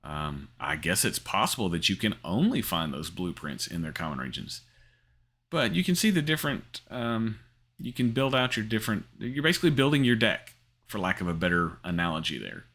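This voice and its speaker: A middle-aged man runs a crypto gaming channel and gives offhand screen-share commentary that rambles, with plenty of ums and restarts. He has a deep, slightly bright voice, sounds very animated and talks fairly quickly.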